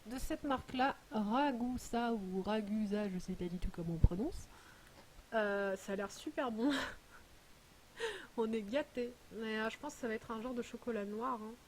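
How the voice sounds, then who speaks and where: Chatty woman with a high voice. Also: moderate pace, slight background noise. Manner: chatty, rambling, full of hesitations. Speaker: vlogger unboxing a parcel. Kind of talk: casual chat.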